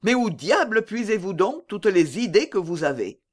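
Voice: mid-range voice, sing-song, normal speed. A narrator voicing a hearty, trusting male musketeer who admires his friend, in an eager, exclaiming manner. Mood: admiring.

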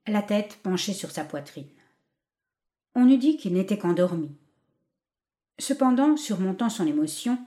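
A woman reads a novel aloud. Her narration is measured and expressive, paced for the listener. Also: medium pitch.

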